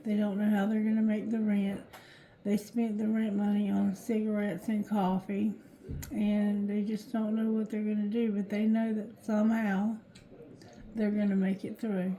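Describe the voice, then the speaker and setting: A tired, drowsy woman doing a casual card reading, with thick-tongued, slightly slurred speech and a halting, repetitive delivery. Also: medium pitch, little pitch movement, dark tone, low-quality recording. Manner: slow, halting, repeats phrases. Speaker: tarot reader.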